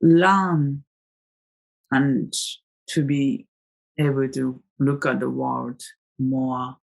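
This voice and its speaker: A woman's voice: a bass voice, steady tone, drawn-out words, gravelly, a little mellow. A woman from Japan, a native Japanese speaker, rambling casually and reflectively about tarot in a vlog. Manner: chatty and reflective, many fillers and restarts. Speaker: tarot vlogger.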